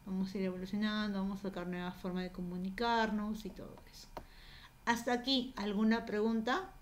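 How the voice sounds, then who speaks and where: A woman's voice: medium pitch, fairly even intonation, fairly quick, a little hiss or hum. A woman teaching a university writing class, explaining patiently in a conversational way and often tagging her sentences with a questioning "no?". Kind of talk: conversational online class lecture.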